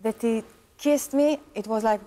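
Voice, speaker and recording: A woman in her forties, a guest in an interview, talking earnestly in halting English and laughing often. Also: a little high, warm tone. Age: 40s. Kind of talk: casual interview chat.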